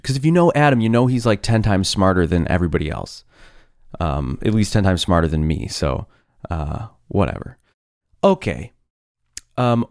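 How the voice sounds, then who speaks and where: A man's voice: on the low side, darkish tone, no room sound, studio quality. A young adult man hosting a casual solo podcast in his groggy morning voice, opinionated and rambling with plenty of fillers. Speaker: podcast host.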